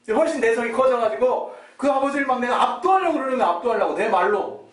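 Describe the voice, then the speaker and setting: Animated male pastor preaching. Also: extremely high pitch, fast talker. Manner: animated, laughs often, acts out quotes. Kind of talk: sermon with personal storytelling. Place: church. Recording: roomy church hall, distant mic.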